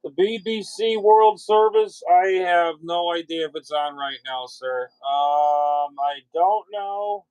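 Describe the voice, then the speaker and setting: Male streamer, fairly high voice, dry close sound, casual irreverent rambling. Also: slow pace, few pauses, darkish tone, clear, resonant tone, dry recording, low-quality recording. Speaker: livestreamer monitoring shortwave radio. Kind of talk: casual chat with viewers.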